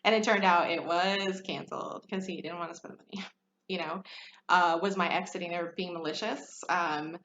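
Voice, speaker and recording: A podcast host, a woman in her thirties, speaks candidly about her own life in a chatty, frank way, packed with fillers and frequent laughter. Her voice sits on the low side and is a bit bright, with fairly even intonation and a moderate pace. The recording comes from an echoey room, sounding slightly dull with slight background noise.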